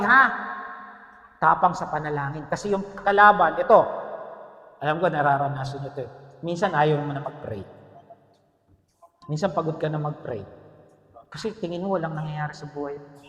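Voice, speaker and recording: Bright high-voiced man preaching in echoey hall. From Philippines. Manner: joking, calls for amens from congregation. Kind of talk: sermon. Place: church. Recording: echoey church hall, long reverb.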